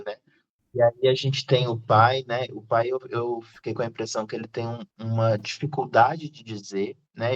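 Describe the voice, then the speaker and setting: A man hosting a casual film discussion, speaking in a thoughtful, unhurried way with frequent fillers. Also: medium pitch. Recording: slightly dull lo-fi sound.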